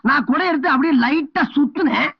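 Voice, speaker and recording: A man's voice: very high-pitched, fairly quick, gravelly, dry recording, highs cut off. A whiny village headman. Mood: boastful. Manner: whiny, wailing, self-pitying. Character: bumbling vain village headman, middle-aged man. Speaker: village headman in a film comedy.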